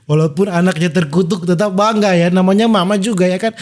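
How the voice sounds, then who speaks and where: A man's voice: high-pitched, steady tone, a little fast, darkish tone. A man hosting a reaction video with casual, mocking commentary, sarcastically repeating phrases.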